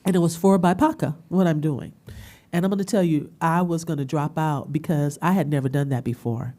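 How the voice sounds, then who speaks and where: A middle-aged woman speaking at a community panel, telling a personal story with animated emotion and frequent laughter. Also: low-pitched, fairly quick. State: tearful at times. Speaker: panel speaker and business owner.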